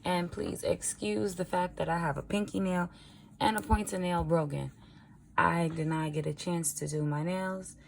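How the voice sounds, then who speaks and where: A woman with a raspy early-morning voice, chatting informally as a vlogger while she writes out a budget. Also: on the low side, steady tone, normal speed, slight background noise. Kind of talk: casual budgeting vlog narration.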